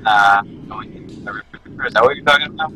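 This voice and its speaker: Male attorney guest heard through a fuzzy distorted video call line, very bright timbre, brief casual answers. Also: medium pitch, fairly quick, slight background noise. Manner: short casual replies. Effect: fuzzy distorted video call audio. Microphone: video call connection.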